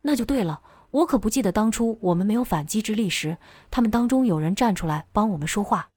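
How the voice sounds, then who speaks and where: A woman's voice: medium pitch, animated, fast talker, darkish tone, slightly rough, no echo, studio quality. A woman voicing a sneering, resentful young lightning wielder. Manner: sneering, defensive.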